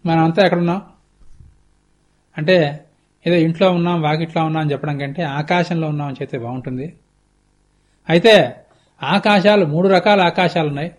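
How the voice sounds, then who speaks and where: A grave goddess speaks with calm, unhurried authority, as a man puts her on. The voice drops lower and softer than the storyteller's usual telling but stays fairly high for a man. She gently chides and explains like a patient teacher. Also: close to an everyday voice. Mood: grave, explaining. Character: calm, grave goddess consoling a grieving queen.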